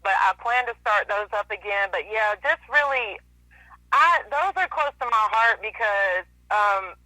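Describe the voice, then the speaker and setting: A woman's voice: mid-range voice, lively intonation, measured pace, pushed and bright, dry recording, poor audio. A woman artist talking over the phone in an interview, chatty and full of "you know" fillers. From East Alabama / West Georgia. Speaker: artist guest. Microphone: telephone.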